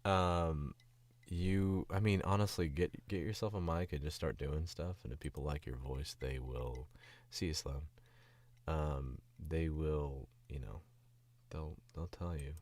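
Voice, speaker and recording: Illness has pushed this Southern-accented man's voice lower, leaving it extremely low, steady, measured in pace and a little mellow. A voice actor from the Southern US, he chats casually on a stream, rambling and distracted. He chuckles a lot.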